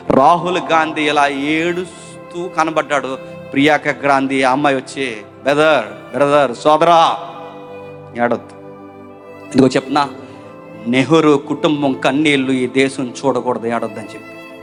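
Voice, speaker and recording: High, bright-voiced male preacher. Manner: dramatic swings between loud high emphasis and low hushed lines. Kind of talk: Telugu sermon.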